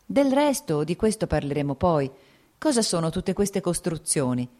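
A kind, reserved married woman, as a woman narrator reads her, measured and a little cool, in a low-toned voice. It is a quiet storybook reading. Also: big pitch swings. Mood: gentle.

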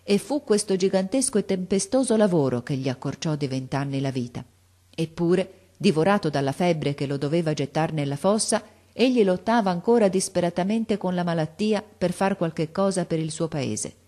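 A woman narrating a classic novel as an audiobook, in a steady, expressive reading. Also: fairly low pitch, normal speed.

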